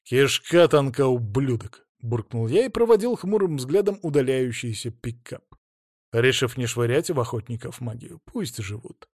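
A man narrating a fantasy novel in the first person with brisk, vivid delivery. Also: medium pitch, expressive, a little mellow, slightly rough, dry recording, studio quality.

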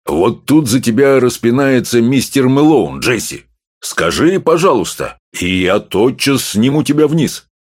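A man reading an audiobook, voicing a gruff, domineering middle-aged professor who growls and mocks. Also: medium pitch, very animated, unhurried, no room sound, clean studio sound, pitched above the performer's own voice. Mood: gruff mocking. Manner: growling, mocking.

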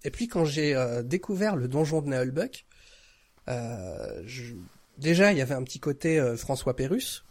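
Appearing as a podcast guest, a thirty-something man from France who creates audio fiction casually recounts his story, hesitating as he goes. He sounds very animated, with a medium-pitched, darkish voice at normal speed. The recording has no echo.

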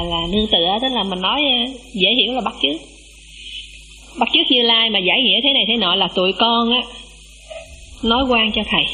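A woman's voice: medium pitch, sharp tone, a little hiss or hum, poor audio. A woman, a Buddhist nun, giving a dharma talk to an assembly in a humble way and often asking her listeners questions. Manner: humble, calls herself "em", asks the listeners questions.

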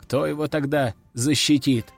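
A man's voice: a little high, fairly even intonation, normal speed, vocal fry, faint music behind. A man narrating a first-person audiobook in a wry, ironic tone.

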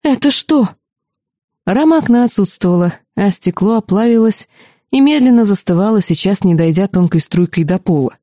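A woman narrating a first-person fantasy audiobook in an expressive, ironic storytelling manner. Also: mid-range voice, brisk, dry recording, studio quality.

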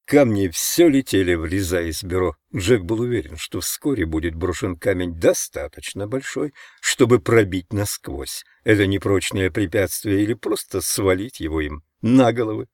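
Low-voiced man narrating an audiobook. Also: animated, normal speed, hardly any pauses, darkish tone, no room sound, clean studio sound. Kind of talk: scripted narration.

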